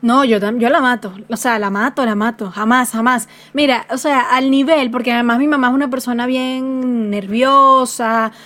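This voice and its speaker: A woman's voice: on the high side, steady tone, moderate pace, hardly any pauses, a bit bright. A woman with a Venezuelan accent, co-hosting a podcast in casual, teasing chat. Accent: Venezuelan Spanish. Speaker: podcast co-host.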